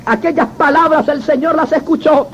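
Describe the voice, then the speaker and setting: A man's voice: extremely high pitch, normal speed, muffled recording, a little hiss or hum. A man giving a religious conversion testimony, telling it dramatically and addressing the listener as brother. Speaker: former gang member giving a testimony.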